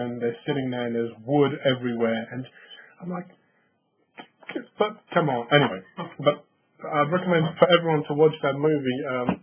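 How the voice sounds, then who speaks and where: A man's voice: mid-range voice, slight background noise. A man from Russia co-hosting a podcast, telling rambling stories in casual chat with chuckles. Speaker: podcast co-host. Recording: tinny phone-like line.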